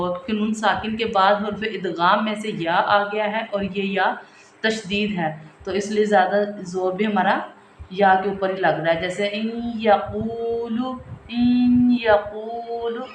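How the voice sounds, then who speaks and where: A woman teaching a step-by-step recitation lesson, asking and answering her own questions and stretching each example out slowly. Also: medium pitch, reverberant, slight background noise, poor audio. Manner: repeats examples slowly and drawn out.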